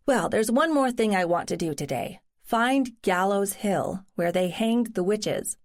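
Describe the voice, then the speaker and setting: A woman's voice: mid-range voice, animated, a little slow. A woman, a cozy mystery narrator, voicing an earnest, wry, determined woman in conversational, explanatory audiobook dialogue.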